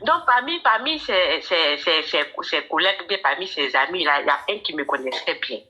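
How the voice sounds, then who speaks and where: A woman's voice: low voice, animated, moderate pace, pushed and bright. A woman caller telling her own story to a coach, hesitant, often repeating words and restarting. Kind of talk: casual storytelling chat.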